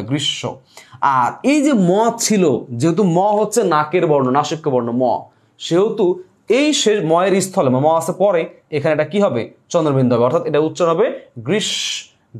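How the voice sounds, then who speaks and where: A young man with a slightly high voice runs a live online class. He explains step by step, repeating each word and asking the class questions. He also reads out viewer comments. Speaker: online Bengali tutor.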